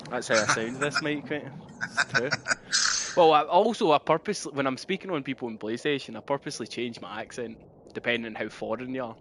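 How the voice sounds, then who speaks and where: A man in a casual gaming chat, speaking at a middling pitch. He rambles on and keeps checking in with his listener. The headset recording carries a clear layer of noise behind him. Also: fairly quick, a bit bright. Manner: rambling, with constant "you know what I mean". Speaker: gamer chatting during play.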